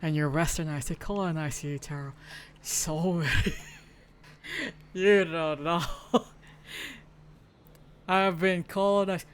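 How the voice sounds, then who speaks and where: A man's voice: on the high side, fairly even intonation, slow, pauses often, a little hiss or hum. A man from the Philippines streaming a game, rambling and joking, swearing and laughing at a desk mic. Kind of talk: casual gameplay commentary.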